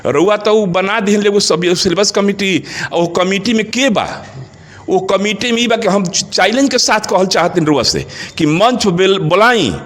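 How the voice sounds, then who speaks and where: A middle-aged man with a Bhojpuri accent speaking passionately in an interview, asking rhetorical questions and rising in pitch on his points. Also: a little slow, a bit bright. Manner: emphatic, rhetorical questions, rises in pitch when stressing points.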